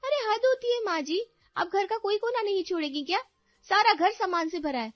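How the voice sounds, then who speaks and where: A woman voicing a shrill, demanding young wife in a cartoon story, complaining loudly. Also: lively intonation, fast, dry recording. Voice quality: shrill, whiny. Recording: dull dry voice-over with faint music.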